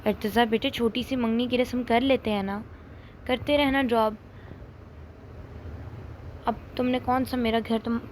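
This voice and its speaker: A woman's voice: fairly high pitch, steady tone, long pauses, slight background noise, natural voice. A woman voicing a genial, coaxing father in an audio story. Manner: coaxing, easygoing. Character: genial older father, head of household.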